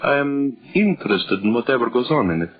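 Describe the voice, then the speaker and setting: Guy doing suave menacing doctor, very formal n precise, raspy, muffled old radio drama. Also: mid-range voice, lively intonation, fairly quick, natural voice. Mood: suave, probing. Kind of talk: 1940s radio acting.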